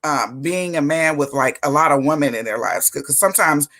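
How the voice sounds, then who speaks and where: A woman hosts a live interview in a bright, forceful voice that carries. She talks with emphasis and a lively push, dropping churchy phrases into casual chat. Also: sits low, fairly quick. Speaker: host.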